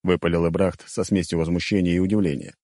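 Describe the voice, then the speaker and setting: Deep, warm male reader for first-person fantasy narration, measured delivery. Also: fairly even intonation, no room sound, studio quality. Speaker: audiobook narrator.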